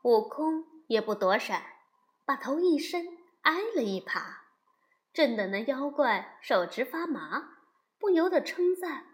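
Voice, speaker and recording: A woman narrating a classic story as a storyteller, lively and unhurried. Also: high voice.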